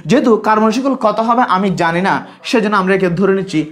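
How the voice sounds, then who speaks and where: A man's voice: high voice, fast, a bit bright. A man from Bangladesh teaching a live online biology class, talking casually, asking questions and answering them himself, repeating key points.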